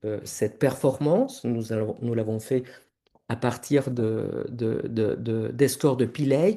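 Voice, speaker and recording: Mellow-voiced male researcher presenting. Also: medium pitch. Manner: explains slides step by step, talks directly to the audience. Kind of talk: academic conference presentation.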